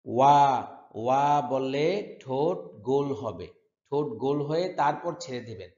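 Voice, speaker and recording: A man with a Bangladeshi Bengali accent teaching Quran recitation, chanting verses in drawn-out syllables and repeating sounds for students to follow. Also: medium pitch, expressive, dark tone. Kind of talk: slow tajweed lesson with chanted recitation. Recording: echoey room, dull lo-fi sound.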